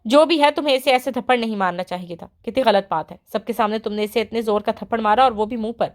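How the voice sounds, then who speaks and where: Woman playing a level-headed girl friend in an audiobook, kinda preachy, higher voice. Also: natural voice. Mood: reproachful. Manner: lecturing, reproachful. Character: sensible young woman friend, scolding gently.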